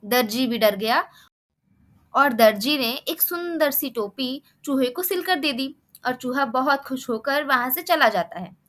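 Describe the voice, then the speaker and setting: A woman narrating a children's story in an expressive storytelling manner. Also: high-pitched, measured pace.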